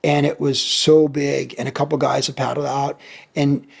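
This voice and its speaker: A man's voice: mid-range voice, little pitch movement, moderate pace, creaky, slightly rough. A man in his sixties, a former pro surfer and pastor, telling a vivid story as a podcast guest and repeating lines for emphasis. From United States. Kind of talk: animated storytelling in a podcast interview.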